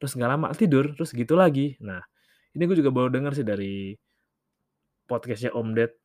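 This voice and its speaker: A man's voice: mid-range voice, a little fast, darkish tone, no echo, studio quality. Casual man. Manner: casual slangy Jakarta talk, acts out little dialogues. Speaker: podcast host. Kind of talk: casual solo podcast monologue.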